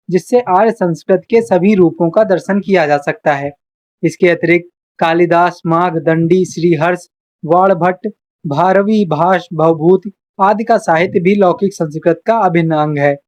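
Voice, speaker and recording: A tutor gives an exam-prep lecture at a mid pitch, reading notes aloud and then breaking them down. The delivery stays steady and explanatory, listing terms one after another with a habitual "okay" between points. The recording sounds dull and lo-fi.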